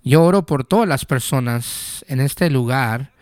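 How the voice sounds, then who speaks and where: A man's voice: medium pitch, a little slow, darkish tone, no room sound, natural voice. Brief: a man playing a weary old priest, protesting that praying is his job, in a clean, dry voice. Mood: defensive. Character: weary older male priest, defensive.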